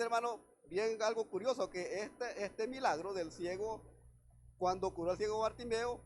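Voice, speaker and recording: A man's voice: sits high, slight background noise. A man preaching a sermon as pastor at a church service, reading scripture aloud and speaking directly to the congregation. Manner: preaches directly to the congregation, often calling out "hermano"; reads scripture aloud and then explains it.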